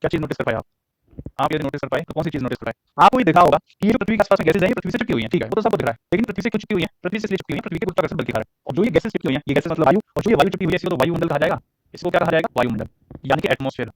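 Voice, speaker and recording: A man's voice: on the high side, lively intonation, rapid-fire, no room sound, poor audio. A man teaching a geography lesson. He keeps asking his listeners questions, repeats each answer so they can write it down, and drags out English question phrases. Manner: repeats answers for note-taking.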